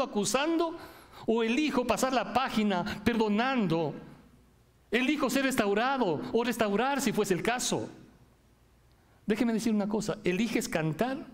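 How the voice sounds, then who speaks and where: A middle-aged male pastor preaching a sermon, often checking in with his listeners and rising into emphatic, lively passages. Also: very high-pitched. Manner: rhetorical, frequent "¿sí?" checks with the congregation.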